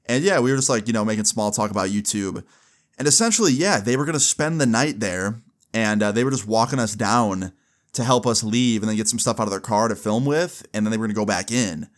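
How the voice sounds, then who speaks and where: Fairly low in pitch and fairly quick, this young adult man is a YouTube storyteller recounting a personal story casually. He speaks in informal, slang-heavy language with swearing, acting out dialogue as he goes.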